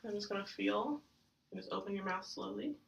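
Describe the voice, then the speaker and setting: A young woman, a student clinician, explaining a practice oral exam in a gentle, reassuring way with many fillers. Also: medium pitch, brisk, creaky, muffled recording. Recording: distant mic with faint hiss.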